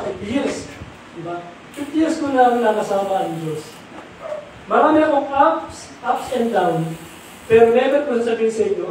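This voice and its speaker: High-voiced preacher man in echoey hall. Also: darkish tone. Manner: mixes English into Tagalog, asks the audience rhetorical questions. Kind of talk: sermon. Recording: echoey room from far off, faint noise.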